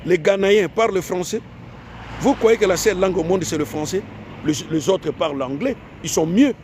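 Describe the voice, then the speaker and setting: A man's voice: high-pitched, normal speed, a little mellow, slight background noise. A man from Africa in an emphatic, repetitive monologue to his viewers, full of rhetorical questions. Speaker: online commentator.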